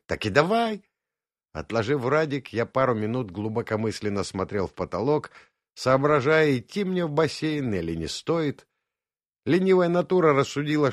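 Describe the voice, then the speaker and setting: Male audiobook narrator, lively pitch, lightly ironic, dry close-mic sound. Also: no room sound. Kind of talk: scripted first-person narration.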